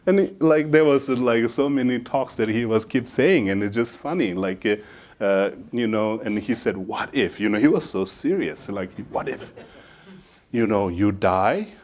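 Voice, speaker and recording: A male Buddhist teacher giving a dharma talk, speaking haltingly with many fillers and laughing often at his own story. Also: mid-range voice, a little mellow.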